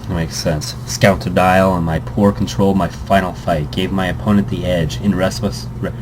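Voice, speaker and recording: Reading in-game text aloud, a man keeps derailing into rambling tangents and interrupting himself during casual let's play commentary. His low voice holds a steady tone at a moderate pace, and the home recording is amateur and noisy.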